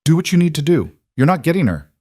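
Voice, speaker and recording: A man's voice: on the high side, big pitch swings, quick pace, warm tone, dry recording, clean studio sound, pitched above the performer's own voice. A man voicing a protective male crime boss who speaks hard and commanding.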